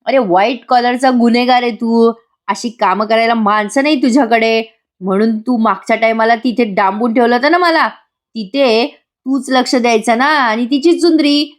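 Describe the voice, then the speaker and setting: A woman reading the lines of a captive male gangster in a serial recap, rough and sarcastic. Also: on the high side, moderate pace, lightly acted. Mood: scornful.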